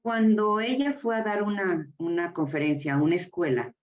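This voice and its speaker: A middle-aged woman leads a workshop in a fairly low voice, exclaiming and calling out to her group. She sounds distant from the mic in an echoey room, and the recording is dull and lo-fi. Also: moderate pace, soft background music. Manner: expressive, exclaiming, calls out to the audience. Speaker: workshop facilitator. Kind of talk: live workshop talk to a group.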